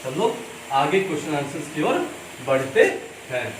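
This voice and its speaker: High-voiced Indian male teacher, echoey room. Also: sing-song. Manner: slow, repetitive explaining, switching between Hindi and English. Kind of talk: classroom lesson. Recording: echoey room, mic far off, faint ambient noise.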